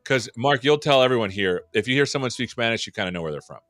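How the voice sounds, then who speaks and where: Hosting a live tech show, a man welcomes viewers with upbeat, rambling chat and jokes. He talks fast with lively intonation in a slightly bright mid-range voice, recorded in a clean studio with no room sound.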